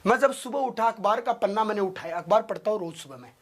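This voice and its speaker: A young man, a teacher from India, giving his students an impassioned motivational talk, his voice climbing to loud, emotional pleading. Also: high voice, fast talker.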